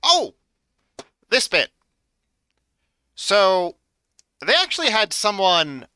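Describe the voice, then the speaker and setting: A man streaming casual reaction commentary in an animated, exclamatory and emphatic way. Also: fairly high pitch, no room sound.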